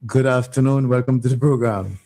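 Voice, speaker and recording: Man, phone-in host, dark mellow tone, medium pitch, casual and polite. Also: brisk. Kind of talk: casual polite moderating of callers.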